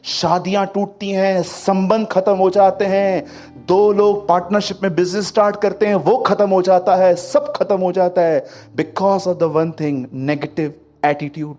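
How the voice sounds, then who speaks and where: Animated preacher delivering a sermon. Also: male voice, high-pitched, unhurried. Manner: lively storytelling, acting out quotes, swings from loud to hushed. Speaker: pastor.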